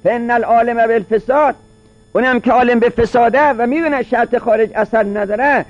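Guy teaching a seminary class, very high voice, reads arabic bits then explains them casually, muffled lo-fi sound. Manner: reads Arabic text aloud, then explains it in colloquial speech. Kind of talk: lecture explaining a classical legal text.

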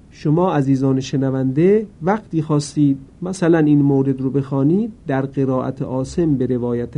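A man teaching Quran reading in a careful, slow way, now and then chanting a word slowly. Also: highs cut off. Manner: chants the words slowly, louder and higher. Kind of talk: lesson.

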